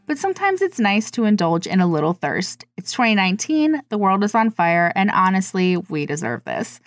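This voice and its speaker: Lively joking woman co-host, dry sound. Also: mid-range voice, dry recording. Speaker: podcast co-host. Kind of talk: casual fan podcast chat.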